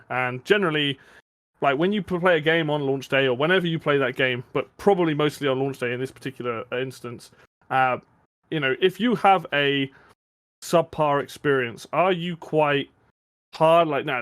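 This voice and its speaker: Man, mid pitch, discussion host, rambling, playful, dry close sound. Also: fairly bright tone, no echo. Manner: rambling, self-correcting, playful. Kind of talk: casual discussion, posing questions.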